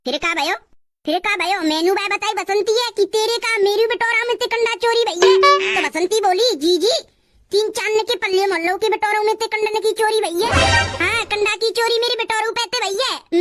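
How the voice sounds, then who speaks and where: Here is a talkative cartoon village woman voiced by a voice actor, rattling off gossip in a very high voice. Loud background music plays throughout. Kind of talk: cartoon voice acting.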